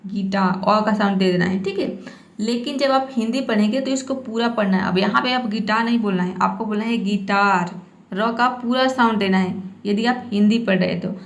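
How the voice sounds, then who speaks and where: Woman, fairly high voice, teacher explaining pronunciation rules, repeats example words patiently, echoey room. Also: brisk, gravelly. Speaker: English teacher.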